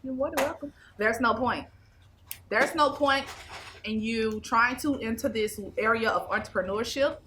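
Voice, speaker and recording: A woman's voice: on the high side, normal speed, a bit bright, a little hiss or hum. A woman, an interview guest speaking emphatically and repeating her points. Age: 20s. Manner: emphatic and preachy, repeats phrases. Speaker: interview guest, anger management specialist. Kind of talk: casual interview talk. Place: small indoor studio set.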